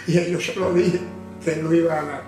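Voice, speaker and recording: A man with a Cuban Spanish accent giving a personal testimony, telling his story in an animated way and acting out the voices of others. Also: on the high side, normal speed, roomy sound, over music. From Cuba. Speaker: former prisoner giving testimony.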